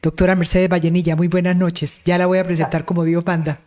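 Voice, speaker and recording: A woman's voice: on the low side, level tone, fast talker, darkish tone. A woman hosting an online interview, effusive and full of praise, with religious turns of phrase. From Colombia. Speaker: interview host.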